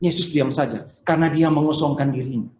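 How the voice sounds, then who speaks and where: A man's voice: fairly high pitch, a little fast, darkish tone, roomy sound. A man preaching a Sunday sermon over a video call, telling stories and often asking his listeners questions. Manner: conversational preaching, asks the congregation questions. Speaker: pastor.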